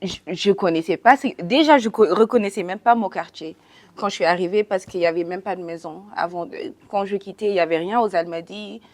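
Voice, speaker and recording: A young woman from Senegal, a guest in a casual chat, relaxed and laughing often, switching between French and English. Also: mid-range voice, fairly quick. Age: young adult.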